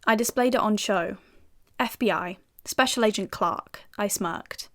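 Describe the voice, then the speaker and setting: A British actress narrates her own audio drama as a cocky young female FBI agent, using an unhurried, mid-range voice with light acting. Her tone is wry, full of dry, sardonic wit.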